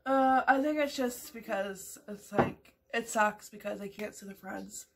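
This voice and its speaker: Amid background noise, a Canadian woman in her thirties vlogs from a small room at home over morning coffee, chatting casually to her webcam. Her medium-pitched voice runs a little slow as she rambles with lots of fillers and restarts.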